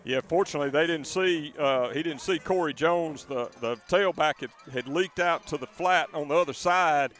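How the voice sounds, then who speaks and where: A man's voice: on the high side, moderate pace, few pauses, a bit bright. Folksy football color man. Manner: conversational, repeats words as he restarts. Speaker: color commentator. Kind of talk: live football color commentary. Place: outdoors at a high school football stadium.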